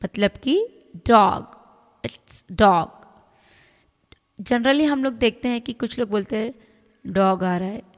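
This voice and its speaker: A woman teaching a pronunciation lesson, explaining step by step and mixing Hindi with English, often checking in with "right?". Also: on the high side. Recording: long hall reverb.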